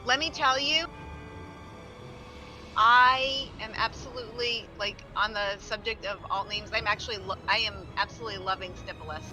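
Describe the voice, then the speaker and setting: A woman's voice: medium pitch, moderate pace, music in the background. A woman chatting and giggling with her guild on voice chat during a game raid. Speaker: guild raid member streaming. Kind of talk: casual gaming voice chat.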